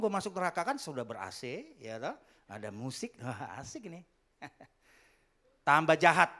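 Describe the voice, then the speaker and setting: A middle-aged man preaching in a church hall, his slightly high voice swinging widely up and down. He tells his stories with jokes and acts out the people in them, and his tone stays bright and forceful. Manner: animated storytelling with joking asides and acted voices. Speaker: pastor. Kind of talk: sermon.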